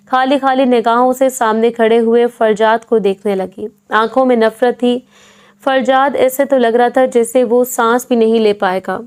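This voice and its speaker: A woman's voice: on the high side, a little mellow, clean tone. A woman narrating a dramatic novel aloud, voicing every character herself.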